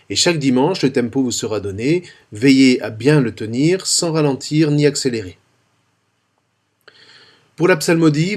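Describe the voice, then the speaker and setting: A man calmly explaining how to chant a Sunday psalm, speaking with careful, clear diction. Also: mid-range voice. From France. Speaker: liturgical singing teacher. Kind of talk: instructional tutorial with sung psalm examples.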